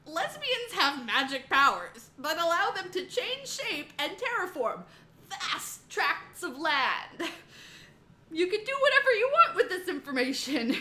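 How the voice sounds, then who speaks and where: A woman with a very high, pushed, bright voice performs in a reverberant space. An amateur reader, she gives an animated, sassy, emphatic rendition of a funny myth retelling, full of profane comic narration and words drawn out for laughs.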